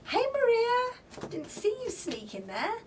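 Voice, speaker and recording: A tarot reader on a livestream draws spirit cards and offers flowing spiritual guidance, reading comments aloud and greeting viewers by name. Her slightly croaky voice is extremely high with wildly swooping pitch, and she speaks slowly. The mic is slightly distant, with faint background noise.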